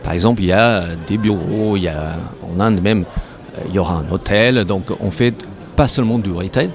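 A non-native French-speaking man with a foreign accent answers interview questions as a company representative, haltingly, repeating words as he searches for phrasing. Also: sits low, soft background music. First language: not French. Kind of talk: interview answers at a trade show. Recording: busy trade-show crowd behind. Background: crowd chatter of a trade fair.

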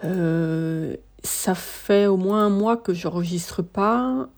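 Slow, mellow-voiced tired woman podcaster. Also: fairly low pitch. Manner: hesitant, many filler sounds and restarts. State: tired, worn out. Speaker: podcast host. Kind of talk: casual solo podcast monologue.

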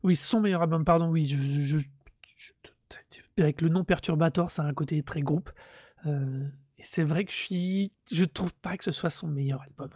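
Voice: medium pitch, normal speed, darkish tone, breathy edge, dry recording, clean studio sound. A podcast co-host chatting casually about music, often correcting themselves mid-sentence.

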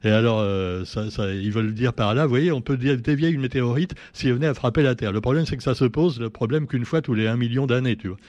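A man's voice: medium pitch, fast, hardly any pauses, darkish tone, dry recording, lo-fi sound. A man hosting a casual press review, sardonic and chatty, full of fillers and asides, from Réunion.

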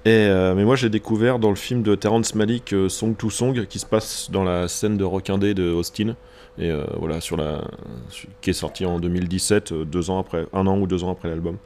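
A man's voice: sits low, fairly even intonation, fairly quick, darkish tone, slight background noise. A man co-hosting a casual podcast who talks in a wry, teasing way and falters and restarts when he presents a song. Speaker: podcast co-host.

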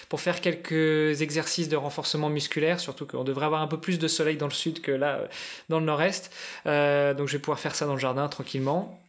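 A man in a casual podcast conversation, explaining things as he thinks aloud. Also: fairly high pitch. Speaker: guest, endurance athlete preparing a challenge. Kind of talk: casual podcast interview talk.

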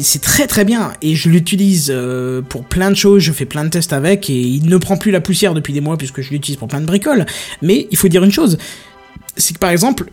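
A man hosting a casual tech podcast chat, excitable, with punchy exclamations as he presents hardware. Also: fairly high pitch.

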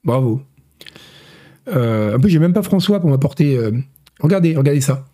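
A man, hoarse from being ill, hosting gaming news in a rambling, joking chat full of fillers and restarts. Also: medium pitch, expressive, moderate pace, warm tone. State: hoarse from illness. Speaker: host of a gaming news show. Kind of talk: casual live-stream news chat.

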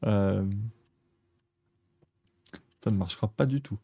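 A man's voice: lowish voice, slow, vocal fry, warm tone, husky. A young man hosting a motorsport podcast, chatting casually with jokes, laughter and rambling asides. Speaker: podcast host. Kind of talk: casual chat.

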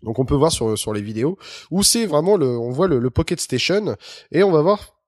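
A man's voice: on the high side, animated, brisk, no room sound, studio quality. Rambling man hosting a podcast. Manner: loose, rambling, many fillers and restarts. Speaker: podcast host. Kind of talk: casual podcast chat.

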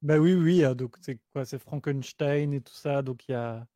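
A man improviser in casual, playful banter, with halting and repetitive phrasing. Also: mid-range voice, warm tone, dry recording, studio quality. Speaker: improviser on a comedy show.

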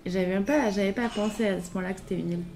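A young woman, a podcast guest, talking casually in a hostel and often pausing to search for words. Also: medium pitch, vocal fry, background noise. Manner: hesitant, pauses to search for words. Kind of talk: casual conversation.

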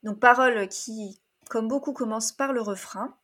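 A woman's voice: fairly high pitch, normal speed, over music. A woman co-hosting a casual chat, sharing facts and leading the discussion. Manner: informative, leads the discussion.

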